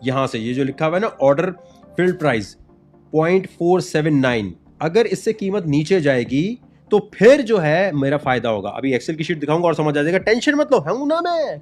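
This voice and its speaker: A man giving a chatty trading tutorial over a screen share, swinging between loud asides and quiet explanation. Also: fairly high pitch. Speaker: crypto trading instructor.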